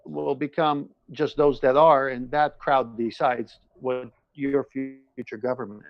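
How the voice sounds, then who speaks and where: A man of medium pitch and fairly even intonation speaks a little slowly, chatting at length about his personal experiences and opinions. He was born in Iran and relocated to the United States at seven. He is earnest and emphatic, often repeating phrases, on a dry, muffled recording.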